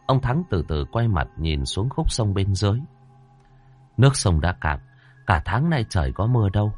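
A man narrating a ghost story in a dramatic, expressive way. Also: on the low side, normal speed. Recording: dry close voice over faint music.

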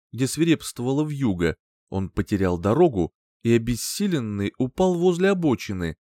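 A man reading a dark crime story aloud with a strongly dramatic, storytelling delivery. His pitch swings widely through each sentence. The recording is close and dry. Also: no echo. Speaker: narrator. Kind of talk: scripted audiobook narration.

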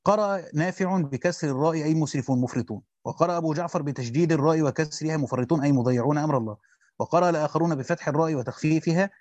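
A man with an Egyptian accent reads a Quran commentary aloud quickly as a teacher. He stops to explain grammar and quizzes his students. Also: on the high side, a little mellow, no echo. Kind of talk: fast classical Arabic reading with colloquial explanations. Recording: dull lo-fi dry recording.

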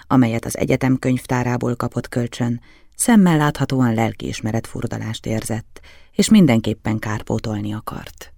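Gravelly, dry-voiced male audiobook narrator. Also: medium pitch, darkish tone, no echo.

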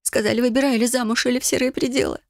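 A reader voicing a flustered, agitated young woman heroine in a higher voice, in a storybook reading. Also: steady tone, very fast, vocal fry, dry recording, studio quality, natural voice. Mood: upset.

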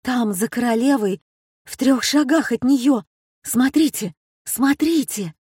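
A woman voicing an excitable middle-aged woman who cries out in breathless urgency, her husky voice pushed up high. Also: measured pace, dry recording, studio quality. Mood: agitated.

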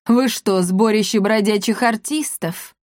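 A woman voicing a gruff, menacing old male ghost general in a storybook, roaring out threats slowly. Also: mid-range voice, darkish tone, dry recording, studio quality, natural voice.

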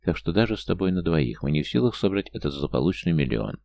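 A man's voice: sits low, big pitch swings, quick pace, creaky, darkish tone, full character voice. A male audiobook reader voicing a frightened young single mother, pleading and close to tears. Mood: weary. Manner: anxious, pleading, tearful.

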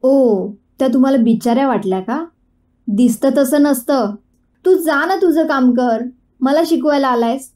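A fiery young woman snaps back with combative, sharp retorts, as a woman narrator puts her on. The voice is high-pitched yet mellow, in a storybook telling. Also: unhurried. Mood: defiant.

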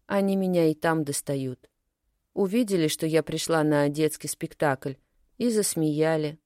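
Woman voicing a sullen quiet schoolgirl. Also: low voice, measured pace, no echo, studio quality. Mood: reluctant. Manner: reluctant, subdued.

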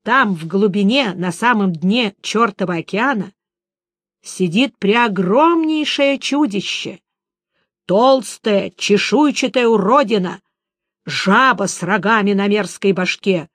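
A woman reading aloud voices a chatty, excitable male bard who talks on and on. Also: medium pitch, slow pace, no echo. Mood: spooky.

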